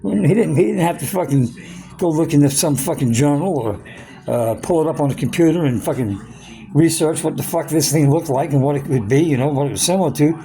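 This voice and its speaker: A man's voice: on the high side, a little fast, warm tone. A man in his sixties ranting angrily about his medical troubles, swearing constantly and repeating himself as he talks. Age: 60s. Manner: profane, heated, repetitive ranting. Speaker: vlogger. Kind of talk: angry personal rant.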